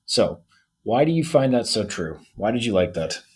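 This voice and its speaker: A man hosting a podcast, chatting in a relaxed way and telling stories with quotes. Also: on the low side, moderate pace, husky. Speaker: podcast host. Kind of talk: casual interview chat.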